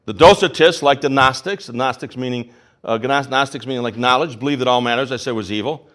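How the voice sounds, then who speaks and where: A pastor teaching a sermon, asking rhetorical questions and repeating phrases for emphasis. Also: male voice, mid-range voice, a little fast, fairly bright tone.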